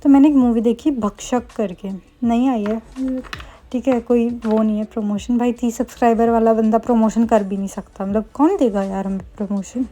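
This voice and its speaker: A young woman, a medical student, chatting fast in a casual vlog with playful, self-mocking asides. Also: a little high, fairly even intonation, warm tone. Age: young adult. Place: student hostel room.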